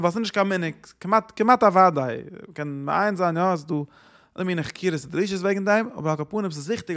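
A man giving a Talmudic lecture as a Torah teacher, emphatic, firing off rhetorical questions, swinging between loud and soft, and dropping in English words. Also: a little high, creaky.

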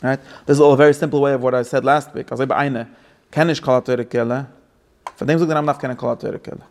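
A man with a medium-pitched, steady voice leads an informal religious class for students. His speech is halting, full of restarts and repeated words, and he mixes in English phrases.

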